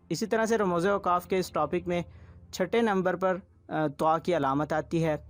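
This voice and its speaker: A man teaching Quran recitation rules step by step, patient and repetitive in his explaining. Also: on the high side.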